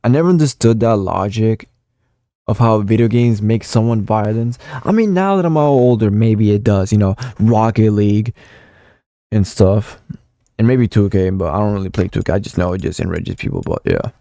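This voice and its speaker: A young man of about nineteen who vlogs about gaming reminisces casually over his old console messages, rambling with many fillers and the odd curse. He talks at a normal speed in a dark, lowish voice, recorded dry.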